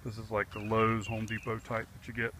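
Working in a wooded backyard, a man with a low, monotone voice talks a little fast in a pushed, bright way, with slight background noise. A DIY vlogger, he narrates his fence job into a handheld camera mic in plain, practical terms, using fillers as he thinks aloud.

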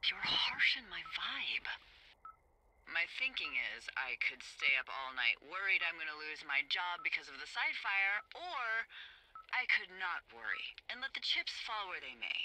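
A woman's voice: fairly low pitch, sing-song, unhurried, pushed and bright, slight background noise, heavily acted, low-quality recording. An actress playing a wry, flirtatious woman fire lookout, talking naturalistically over a walkie-talkie in a video game. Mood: tipsy, teasing.

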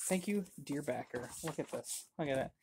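A man in his thirties, a board game channel host, unboxes a game on a webcam in a home room lined with game shelves, rambling and poking fun at himself with plenty of fillers and restarts. His voice is on the high side, animated and darkish, with vocal fry, a normal pace, and a slight hiss or hum in the audio.

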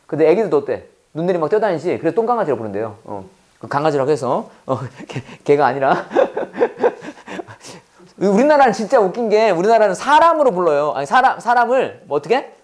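A man leads an English lesson, his pitch swinging widely as he drills phrases. He fires questions at the class and answers them himself, repeating each phrase for the learners to copy. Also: sing-song, fast talker. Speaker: English teacher.

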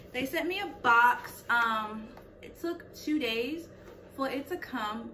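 A woman hosts her drinks vlog from her apartment, chatty and animated and short of breath. She talks to a phone propped up on a candle, so she sounds set back from the mic, with clear room noise around her. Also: medium pitch, recorded from a distance. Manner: chatty and animated, breaks into laughter. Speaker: drinks vlogger. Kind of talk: casual chat. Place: home apartment. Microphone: phone on a makeshift stand.

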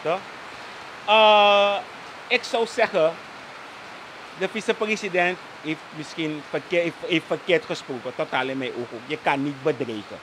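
A man with a Surinamese Dutch accent, holding forth as a guest on a live talk show. His voice sits high and sounds bright and forward, and he keeps asking "toch?" as he talks. A faint hiss runs under him. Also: unhurried. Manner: tags nearly every sentence with "toch?", slips into Sranan phrases. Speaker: political commentator guest.

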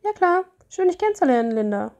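A woman voicing an excitable young male housekeeper who is a starstruck fan, reading his lines in a flustered, raised voice. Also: high voice, quick pace, voice pushed up. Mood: coaxing.

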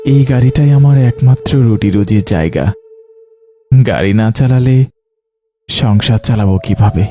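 A man's voice: on the low side, a little slow, music in the background. A man narrating a dramatized first-person ghost story in an earnest, dramatic way.

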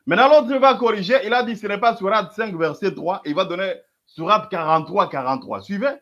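Over replayed clips of a religious debate, a man delivers mocking, sarcastic commentary and repeatedly tells listeners to keep up. His voice is high and a bit bright, his pace brisk, and the sound quality lo-fi.

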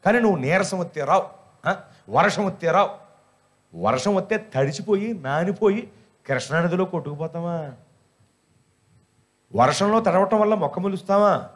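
A male pastor with a high voice preaches with animated humor. He scolds his listeners with rhetorical questions that draw them in. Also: moderate pace, long pauses. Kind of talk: sermon.

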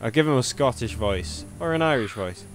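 A man's voice: medium pitch, lively intonation, moderate pace, soft background music. A man giving chatty, jokey let's-play commentary as he plays a spooky game, talking to himself. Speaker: gaming youtuber.

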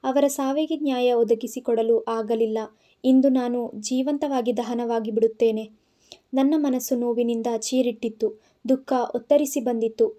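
A woman narrating a dramatic audio novel in an emotional, measured storytelling manner. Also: on the high side, steady tone, mellow.

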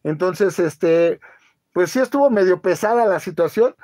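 A man, hosting a casual live-stream chat and telling a halting story full of fillers. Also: high voice, lively intonation, a little mellow. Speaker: channel host.

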